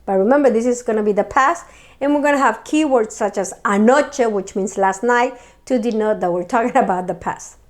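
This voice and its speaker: A woman teaching a language lesson, saying words slowly and repeating them clearly for learners. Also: on the high side. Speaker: Spanish teacher. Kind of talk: slow, deliberate language lesson.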